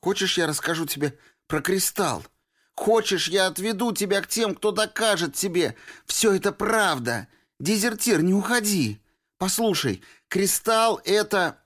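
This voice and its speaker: Brief: man doing a young woman, high and shrill, pleading one moment, snapping the next, lively swings in pitch. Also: exaggerated voice. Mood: angry. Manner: shrill pleading, quick angry outbursts. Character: young woman, pleading and hot-tempered stalker girl.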